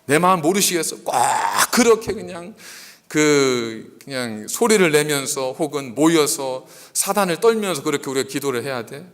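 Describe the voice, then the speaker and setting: A male pastor preaching a sermon, asking many rhetorical questions in an animated delivery. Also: a little high, normal speed. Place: church sanctuary. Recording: echoey church hall.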